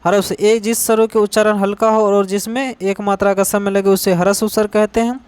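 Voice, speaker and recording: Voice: mid-range voice, flat delivery, darkish tone, clean tone, dry recording. A teacher giving an exam-focused grammar lesson, repeating each definition and asking rhetorical questions before answering them. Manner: spells out letters and examples slowly.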